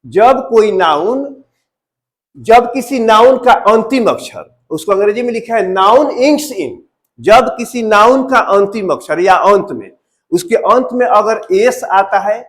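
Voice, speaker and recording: High-voiced male teacher explaining step by step. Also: lively intonation, slow, a bit bright. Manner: repetitive, asks questions and answers them himself. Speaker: English grammar teacher. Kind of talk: classroom-style grammar lesson.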